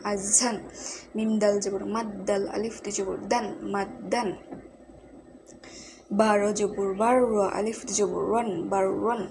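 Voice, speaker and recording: A woman teaching Quran reading, spelling out syllables letter by letter in a slow, patient lesson with short explanations between. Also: mid-range voice. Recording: clear background noise.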